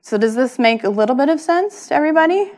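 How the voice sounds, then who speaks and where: A woman's voice: sits high, animated, fast, darkish tone. A woman research scientist giving a patient, plain-spoken public lecture, with frequent ums.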